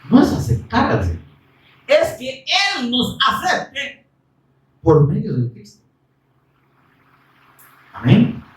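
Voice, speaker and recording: A preacher delivering a fervent sermon, firing rhetorical questions and breaking into shouts for emphasis. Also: medium pitch, huge pitch swings, slow, long pauses, far from the mic. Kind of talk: Spanish-language sermon. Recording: roomy, from off-mic.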